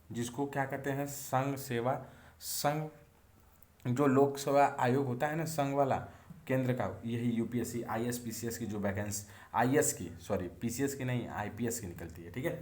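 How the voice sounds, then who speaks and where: A man teaching an exam-prep civics lesson who repeats key terms and keeps asking rhetorical questions. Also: medium pitch. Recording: echoey room, faint background hum.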